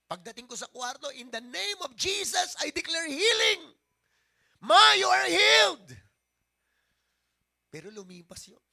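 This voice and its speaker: A middle-aged Filipino man preaching a sermon as pastor, switching between Tagalog and English and swinging from soft talk to shouting. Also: high voice.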